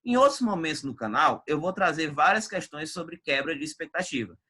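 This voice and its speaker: Emphatic high-voiced male teacher. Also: lively intonation, fairly quick, bright, forceful tone, slightly rough. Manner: emphatic, repetitive, chatty. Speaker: Portuguese teacher. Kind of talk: exam-prep video lesson.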